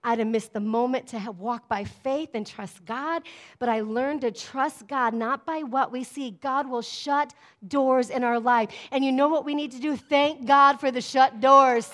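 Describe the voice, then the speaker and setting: A woman's voice: high voice, unhurried, a bit bright. A middle-aged woman pastor preaching a sermon, emphatic and conversational, often asking her congregation "amen?". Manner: emphatic, call-and-response preaching with frequent "amen?".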